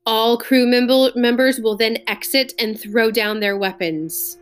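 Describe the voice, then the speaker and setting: A woman's voice: a little high, steady tone, a little slow, close to an everyday voice. A woman doing a stern, raised-voice male captor. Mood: commanding. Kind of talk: audiobook character voice.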